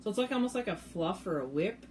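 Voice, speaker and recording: A woman co-hosting a casual kitchen demonstration, agreeable and quick to chime in with short replies. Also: mid-range voice, expressive, background noise. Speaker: co-host of a demo show. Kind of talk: casual chat while tasting food.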